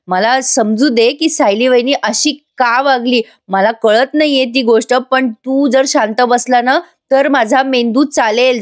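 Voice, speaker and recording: A woman's voice: high voice, no room sound, clean studio sound, natural voice. A woman voicing a young man who is an exasperated friend and scolds firmly.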